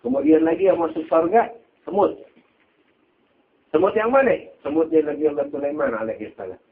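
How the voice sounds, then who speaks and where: A man preaching a sermon, telling a story, his voice jumping between high exclamations and low asides. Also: normal speed. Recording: tinny phone-like sound.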